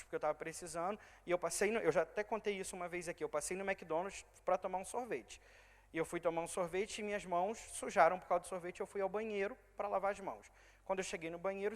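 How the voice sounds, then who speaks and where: A man in his thirties with a Brazilian accent from Rio de Janeiro state, preaching a testimony sermon and acting out the people he quotes, voice loud one moment and hushed the next. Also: high voice. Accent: Brazilian Portuguese, Rio de Janeiro state. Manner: storytelling, quoting others in swings of loud and soft. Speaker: church worker preaching. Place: church hall. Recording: reverberant church hall.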